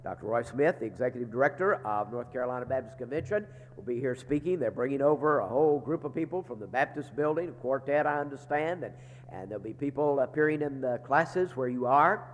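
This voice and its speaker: In a large chapel with long reverb and slight background noise, a middle-aged man makes the seminary's chapel announcements. His medium-pitched voice moves a little fast, congested and barrel-like from a sinus infection. He keeps things folksy and joking, saying "uh" often.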